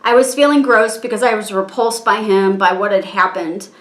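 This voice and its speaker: A woman reads her own written statement aloud in a measured, halting way. She sounds strained, working to keep her composure. Her voice has a middling pitch and carries a noticeable room echo. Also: fairly bright tone. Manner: measured, halting reading with pauses. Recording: echoey room.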